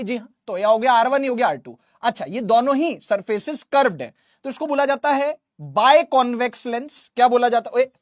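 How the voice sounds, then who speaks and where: A man's voice: very high voice, no echo, clean studio sound. A man teaching physics in a live online class, joking with viewers' comments and drilling terms by asking them back. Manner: drills terms by call and response. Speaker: physics teacher for exam students.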